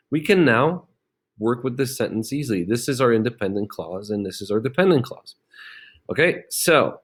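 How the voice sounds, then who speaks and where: A man teaching a grammar lesson, explaining step by step with frequent "okay?" checks and fillers. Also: medium pitch. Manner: plenty of fillers and restarts.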